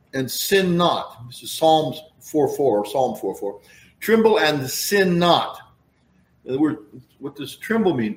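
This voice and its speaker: A man's voice: medium pitch, darkish tone, a little hiss or hum. Folksy preaching man in an echoey room. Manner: conversational, folksy, explains and asides. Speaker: pastor. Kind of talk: sermon.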